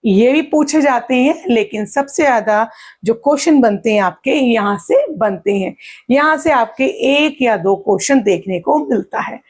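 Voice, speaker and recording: A woman teaching an exam-prep lesson, asking her own questions and answering them, and sounding words out slowly. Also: fairly high pitch, lively intonation, slightly rough. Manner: claps and stretches words out slowly to show syllables.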